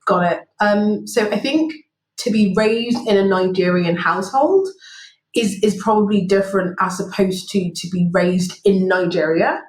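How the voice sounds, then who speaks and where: A woman's voice: mid-range voice, a little slow, reverberant, poor audio. A woman from London, a business partner, speaking thoughtfully as a guest in a remote interview, with fillers and light laughs. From England (London). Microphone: remote call recording.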